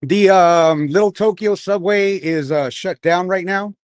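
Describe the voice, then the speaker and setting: A man's voice: high voice, a little slow, no echo. A man reporting live on the street as an independent journalist, rambling informally, his speech slurred by missing front teeth. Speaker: independent journalist, livestream host. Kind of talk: live street commentary and casual interviewing. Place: outdoors on a city street at night.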